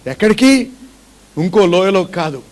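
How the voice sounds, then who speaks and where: A man's voice: high-pitched, lively intonation, a little slow. A male pastor preaching a sermon in a church, asking repeated questions and calling on the congregation to respond.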